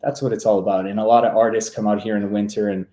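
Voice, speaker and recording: A man in his twenties from Serbia, a real estate agent talking as a guest in a relaxed, easygoing way, full of fillers and restarts. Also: on the low side, very fast, echoey room. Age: 20s. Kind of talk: casual interview talk.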